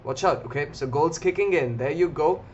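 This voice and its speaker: A man's voice: fairly high pitch, normal speed, a little hiss or hum. A man hosting a live stream and commenting on markets in a casual, chatty way, talking straight to his viewers. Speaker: trading stream host. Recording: slightly dull lo-fi audio.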